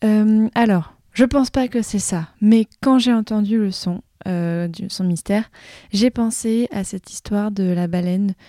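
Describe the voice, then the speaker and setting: Mellow woman, dry close sound. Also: medium pitch, a little slow, no room sound. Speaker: listener sending in a voice message. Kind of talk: casual spoken message.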